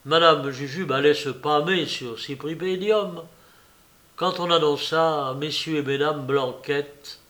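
A man narrating a story in a measured audiobook reading. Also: on the high side, a bit bright.

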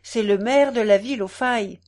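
A woman's voice: on the high side, normal speed, a little mellow, natural voice. Woman reading as an earnest gendarme lieutenant.

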